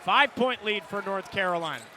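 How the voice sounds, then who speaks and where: This high-pitched, brisk American man is doing live radio play-by-play of basketball from courtside in a large indoor arena. His phrases are short and energetic, rising to excited calls on big plays, while loud court noise and a bouncing basketball fill the background.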